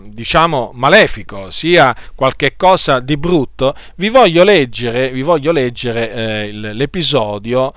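Bright-voiced man preaching slowly. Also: medium pitch, smooth, no room sound, clean studio sound. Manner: deliberate, with frequent hesitation fillers and repetitions. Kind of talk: sermon.

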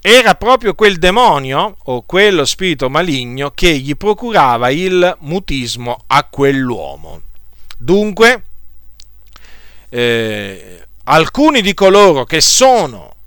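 Halting man preaching, bright crisp voice. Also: a little high, sing-song, no echo, studio quality. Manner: hesitant, halting, many filler sounds and restarts; addresses listeners directly. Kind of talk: teaching sermon with scripture reading.

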